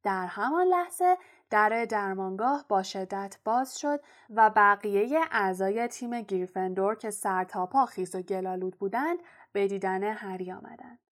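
A woman narrating a storybook aloud in a steady, expressive reading voice. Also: medium pitch. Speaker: audiobook narrator.

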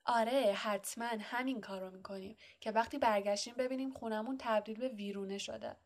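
A woman's voice: on the high side, natural voice. A woman reading an audiobook, voicing a stern, bossy middle-aged aunt who scolds sharply. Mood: scolding.

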